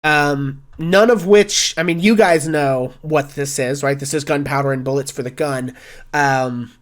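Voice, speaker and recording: Male game master, fairly high voice, conversational and explanatory, casual tabletop narration. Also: steady tone, a little slow.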